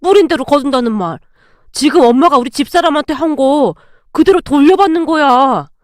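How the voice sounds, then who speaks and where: A woman's voice: high voice, lively intonation, moderate pace, dry recording, clean studio sound. Woman doing a taunting grown son.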